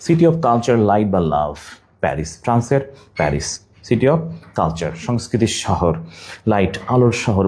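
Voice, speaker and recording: A man from Bangladesh with a warm, fairly low voice teaches a general knowledge class. He repeats each item over and over, asks students questions, and tells them to write down memory tricks.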